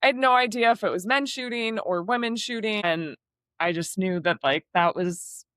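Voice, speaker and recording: A woman's voice: mid-range voice, moderate pace, fairly bright tone, smooth, dry recording, clean studio sound. A young adult woman, a surf and water photographer, talking as an interview guest in a casual, chatty way full of fillers.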